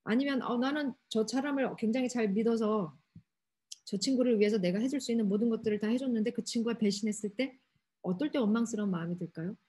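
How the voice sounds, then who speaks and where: A woman youth pastor giving a lively sermon to teenagers, asking them many questions and acting out quotes. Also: on the high side, fast talker, husky. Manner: asks the audience many questions, acts out quotes animatedly. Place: church hall.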